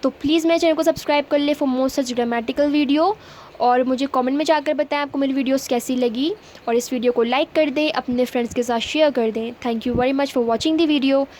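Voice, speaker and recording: A woman teaching an English grammar lesson in Hindi, slowly acting out English example sentences. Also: sits high, fairly even intonation, darkish tone, a little hiss or hum.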